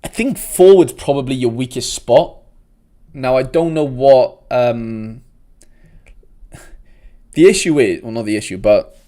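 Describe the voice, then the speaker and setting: In a warm, medium-pitched voice, the young South Welsh host chats easily with his livestream viewers, calling them "mate" again and again. He goes a little slowly and pauses often.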